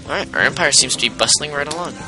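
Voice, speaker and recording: A man's voice: fairly high pitch, lively intonation, very fast, low-quality recording. A man giving casual let's play commentary, rambling and explaining game mechanics as he goes, with frequent self-interruptions. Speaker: gameplay commentator. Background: game music.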